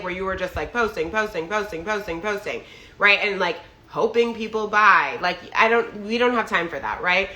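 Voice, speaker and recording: A young adult woman from New York, working as a business coach, gives a casual monologue to followers while getting over a cold that leaves her a little nasal. Her medium-pitched voice is sharp and the sound roomy, and she chats loosely, full of "like" and frequent "right?".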